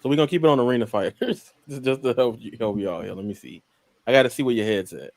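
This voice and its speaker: A man's voice: medium pitch, animated, quick pace, creaky, a little mellow, no room sound. A man casually putting questions to others in a gaming debate. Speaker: debate participant.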